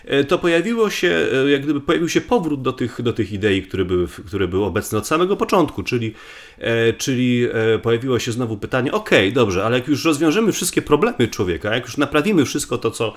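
A man's voice: mid-range voice, animated, a little fast. A man from Poland explains things conversationally as a guest researcher, often repeating words and restarting as he thinks aloud.

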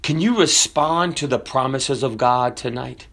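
A man born in Kenya preaching a sermon, fervent, building to near shouts and then dropping low and soft. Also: measured pace.

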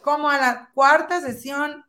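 A woman in her thirties telling a personal story as a guest in conversation, lively and acting out past dialogue. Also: high voice, a little slow. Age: 30s.

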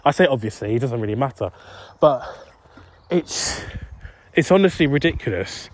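A man's voice: mid-range voice, lively intonation, moderate pace. A young man rambling through a casual solo podcast while out walking, distracted and self-deprecating. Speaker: podcast host. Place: outdoors on a street.

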